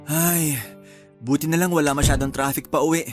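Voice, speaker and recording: An actor playing a tired, affectionate young husband in a Filipino radio drama, soothing and calm, with a Filipino accent. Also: male voice, fairly high pitch, brisk, soft background music, natural voice. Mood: weary, affectionate.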